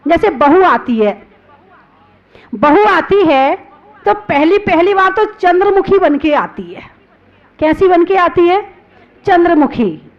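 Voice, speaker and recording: A woman, a Jain nun, preaching a sermon, chanting verses slowly and explaining them with rhetorical questions. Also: very high-pitched, sing-song, lo-fi sound. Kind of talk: religious sermon.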